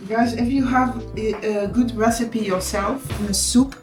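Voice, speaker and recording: Her voice is fairly high and steady, and she takes her time. She's a cooking vlogger from the Netherlands, a mother whose first language is Dutch, chatting casually in a Dutch accent to her viewers from her home kitchen, addressing them directly and using Dutch words. Expect echo and background music.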